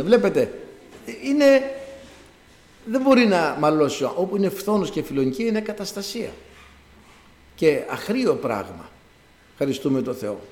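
Man, preacher, sermon, storytelling, fairly high voice, echoey church. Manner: storytelling with acted-out quotes, lively.

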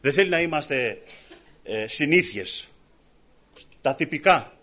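A man preaching a sermon with passion, full of fillers and repeated phrases, who climbs high on his appeals and drops low when he calls the congregation brothers. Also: animated, a bit bright. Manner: impassioned, rises high in pitch on appeals, drops low on "αδελφοί". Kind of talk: evangelical sermon.

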